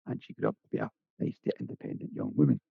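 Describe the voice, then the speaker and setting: A man's voice: on the low side, racing, creaky, slightly rough, no echo, narrow, tinny audio. A man with an Irish accent telling a folk tale aloud in a chatty, folksy way, with asides to the listener. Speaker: storyteller. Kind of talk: oral storytelling.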